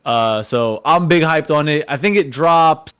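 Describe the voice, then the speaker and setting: A man's voice: a little high, unhurried, fairly bright tone, smooth. A man co-hosting a podcast, chiming in with short, playful remarks in casual chat. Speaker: podcast co-host.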